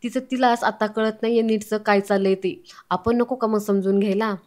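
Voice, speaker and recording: A woman's voice: mid-range voice, steady tone, moderate pace, a little mellow, natural voice. A woman reading the lines of a protective, emotional adult woman in an earnest, pleading tone.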